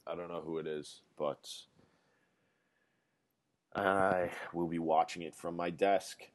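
A man's voice: sits low, fairly even intonation, takes it slowly. A man in his twenties rambling through a solo casual monologue, ranting and swearing freely as he talks. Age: 20s.

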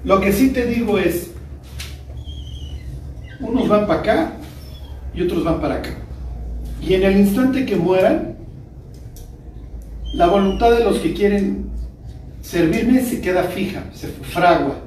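Man, Mexican accent, Bible class teacher, conversational, colloquial, high voice, mellow tone. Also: a little slow, pauses often. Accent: Mexican Spanish. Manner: conversational, checks understanding with rhetorical questions; colloquial and joking. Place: room with a small group. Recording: roomy, distant mic with faint noise.

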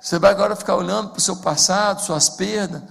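Carioca pastor preaching hard, high gravelly voice, big echoey hall, faint music behind. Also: male voice, steady tone, a little fast. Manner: fervent, swelling to shouted climaxes. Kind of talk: sermon.

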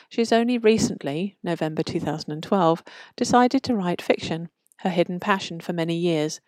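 A woman hosting a podcast, reading short fiction and author bios in a measured, deliberate way. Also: fairly low pitch, a little mellow, dry recording.

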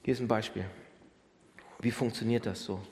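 A man preaching a sermon, asking rhetorical questions, repeating phrases and rising to near-shouts at his strongest points. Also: medium pitch, moderate pace. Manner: animated, rising to near-shouts when voicing Jesus. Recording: long hall reverb.

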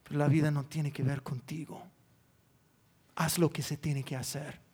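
Brief: male pastor, high voice, candid self-deprecating sermon storyteller. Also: level tone, moderate pace, darkish tone, slightly rough. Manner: candid, self-mocking storytelling with quoted prayers.

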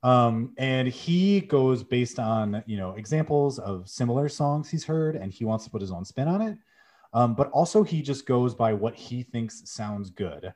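In an animated, slightly slow delivery, a young man with a mid-range, somewhat mellow voice co-hosts a podcast. He chats enthusiastically while summarizing a game's plot, with lots of "um"s.

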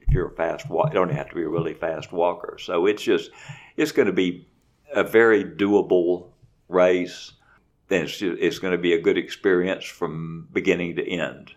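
A man being interviewed as a race director, speaking in a plain, unhurried, matter-of-fact way. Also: low voice, steady tone, muffled recording. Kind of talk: casual interview.

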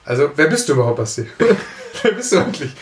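A man's voice: fairly high pitch, sing-song, fast, a little hiss or hum. Chatty thirty-something man, echoey room. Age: 30s. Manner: chatty, laughs often, many restarts. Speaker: podcast co-host, youth pastor. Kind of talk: casual chat. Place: room set up for recording, indoors.

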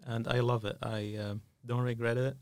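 A Syrian dentist, appearing as a guest in a podcast studio, talks in a casual interview, hesitant and full of fillers. His medium-pitched, darkish voice is flat and at normal speed, with no room sound.

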